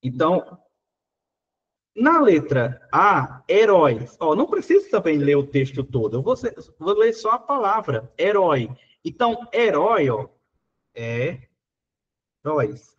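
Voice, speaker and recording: A man's voice: fairly high pitch, sing-song, moderate pace, husky, muffled recording. A Brazilian Portuguese man teaching, working through exam questions in a casual, conversational way, full of little fillers.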